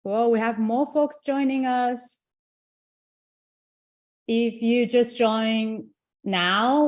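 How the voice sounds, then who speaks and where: A woman's voice: medium pitch, a little mellow. A young woman from Taiwan, moderating an online tech event in an upbeat, chatty way with casual fillers.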